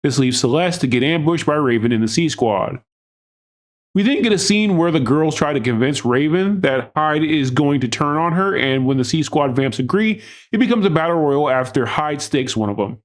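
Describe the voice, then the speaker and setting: A man's voice: on the high side, expressive, normal speed. A man hosting a film recap, narrating scripted comedic review with sarcastic, mocking asides. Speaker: host of a film recap show.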